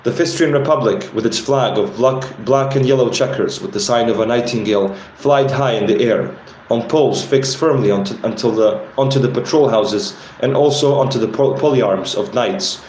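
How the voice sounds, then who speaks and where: A man's voice: medium pitch, normal speed, few pauses, darkish tone. A man, the author, reading narration from his own fantasy novel aloud in an unpolished way, sometimes stumbling and correcting himself. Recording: roomy, with faint background noise.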